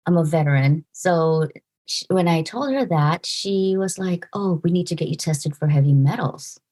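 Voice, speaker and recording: A woman in her forties from the Philippines, speaking as a podcast guest. Her voice sits low with a mellow, relaxed tone, and she talks earnestly, halting and restarting her thoughts. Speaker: podcast guest, nurse practitioner. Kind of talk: casual interview conversation.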